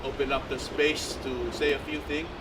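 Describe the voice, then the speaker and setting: A man from Tonga speaks slowly and haltingly, opening with a ceremonial chant. He is picked up from a distance outdoors. Loud traffic noise runs underneath his voice. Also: medium pitch, little pitch movement. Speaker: community speaker. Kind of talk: opening prayer and solidarity speech. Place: outdoors at a city building.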